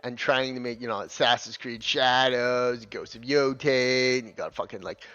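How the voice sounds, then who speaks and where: A man's voice: mid-range voice, steady tone, normal speed, bright, forceful tone, clean tone. A man hosting opinionated gaming commentary, swearing often and rambling in stop-start phrases with many restarts. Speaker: channel host. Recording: dull lo-fi with faint music.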